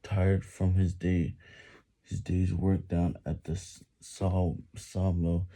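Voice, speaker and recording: A man's deep, husky voice, straining through push-ups while reading aloud. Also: flat delivery, takes it slowly, mellow. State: exerting himself, sighing between phrases.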